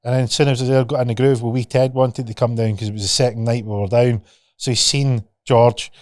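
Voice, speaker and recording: A man, hosting a podcast and telling lively stories in casual chat, swearing freely. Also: mid-range voice, quick pace, dry recording, clean studio sound. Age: 30s. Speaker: podcast host.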